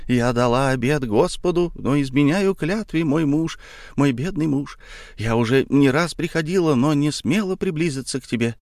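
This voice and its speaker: Storybook character: a tearful, devoted young wife, as a male reader puts her on, higher and softer than his own voice, close and dry. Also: moderate pace, no room sound, natural voice. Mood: pleading. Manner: pleading, soft and fearful. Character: tender remorseful young woman, loving wife. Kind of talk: audiobook character reading.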